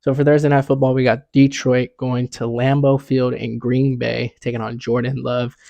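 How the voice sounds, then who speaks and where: A man's voice: mid-range voice, flat delivery, normal speed, vocal fry, warm tone, no room sound. A young man hosting a casual sports picks vlog, talking in a laid-back, slangy way full of "you know what I'm saying".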